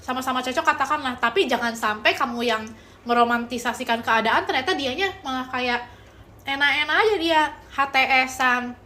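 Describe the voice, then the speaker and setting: Her voice sits high, a little fast and sharp-toned, as this young woman runs a casual livestream. Affectionate throughout, she gives viewers relationship advice in reply to their chat messages, calls them pet names, and mixes in bits of English.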